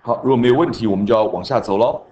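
A man's voice: mid-range voice, racing, mellow, highs cut off, a little hiss or hum. A man, teaching an English class and drilling grammar rules with chanted mnemonics. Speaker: junior high English teacher. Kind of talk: classroom lecture.

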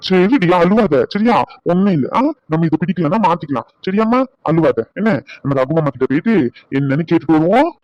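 A man voicing a gentle elderly grandfather in a cartoon, soothing and patient. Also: on the high side, animated, fairly quick, dry recording, lightly acted. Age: older. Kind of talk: cartoon voice acting. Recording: dull lo-fi sound.

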